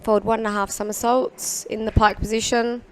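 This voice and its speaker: A woman's voice: a little high, flat delivery, fairly quick. A woman giving live commentary as a sports commentator at a diving competition. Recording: background pool hall noise.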